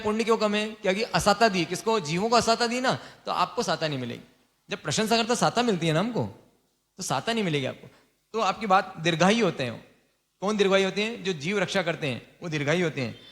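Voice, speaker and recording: A man, a monk, gives an informal sermon on lay vows, teasing his listeners and quizzing them with quick repeated questions. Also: high voice, a bit bright.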